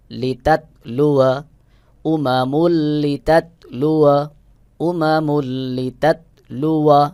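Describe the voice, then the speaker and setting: A male Quran teacher with a smooth, resonant voice. He works through each word one letter and vowel at a time in a very slow, steady pace before putting it together. The recording is close and dry, with no room around him. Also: medium pitch, no echo. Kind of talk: slow syllable-by-syllable recitation lesson.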